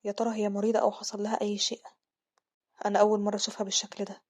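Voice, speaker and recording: A woman's voice: medium pitch, monotone, rapid-fire, close to an everyday voice. A woman voicing a cold, scornful young crown prince. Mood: cold, probing. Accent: Egyptian Arabic.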